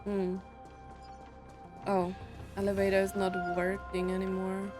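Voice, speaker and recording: Over a video game soundtrack and character voices, a woman hosting a gaming video reacts casually to herself as she plays, sometimes swearing. Her mid-range voice is completely flat and a little slow.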